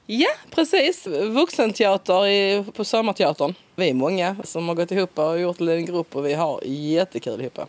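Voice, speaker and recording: A woman with a broad Scanian accent chatting in a relaxed interview, talkative and quick to laugh. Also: fairly low pitch. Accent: broad Scanian Swedish. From Skåne, southern Sweden. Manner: chatty, laughs often, lively. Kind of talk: casual conversational interview.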